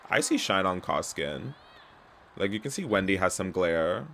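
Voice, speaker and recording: Gravelly, low-voiced man streaming a game. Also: lively intonation, moderate pace. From Canada. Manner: chatty, gossipy, loud yelps during play. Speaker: gaming streamer. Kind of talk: casual commentary while playing.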